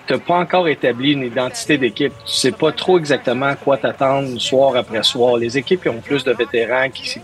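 A man with a mid-range, fairly bright voice responds to interview questions as a hockey coach. He is from Montreal, speaks with a Quebec French accent, and hesitates and repeats words as he gropes for them.

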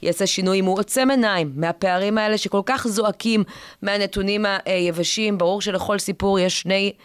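A woman's voice: mid-range voice, smooth, dry recording, clean studio sound. A woman with an Israeli accent hosting a current-affairs discussion and telling stories conversationally, with hesitant phrasing as she thinks aloud. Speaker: podcast host and journalist.

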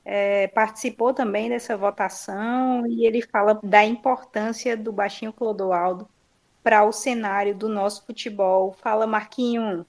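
A woman hosting a sports talk show, briskly introducing a contributor. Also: medium pitch, fairly even intonation.

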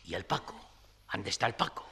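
An actor with a Spanish accent playing a bossy, exasperated small-time gang leader in a comedy, commanding and irritable. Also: male voice, fairly quick, sharp tone, lightly acted. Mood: hushed, irritated. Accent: Spain.

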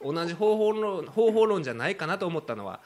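A man with a Kansai accent, hosting a podcast in casual talk, animated and quick to laugh while he quotes others. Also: high voice. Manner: animated storytelling, laughing often, quoting others. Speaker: podcast host.

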